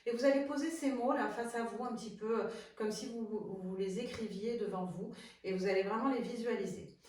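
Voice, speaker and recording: A woman's voice: a little high, brisk, a little mellow. Woman coach walking you through a relaxation exercise, lots of hesitating, very echoey room and far off mic. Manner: chatty and hesitant, many fillers and restarts. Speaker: sophrology coach. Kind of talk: instructional talk to viewers.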